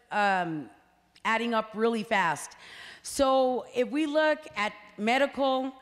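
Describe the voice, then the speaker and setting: At a community meeting hall, a woman representing a party gives a public speech to a crowd. Her voice is on the high side and a bit bright, and she speaks conversationally with lots of fillers and "right?" tags, her words echoing with the room's reverb.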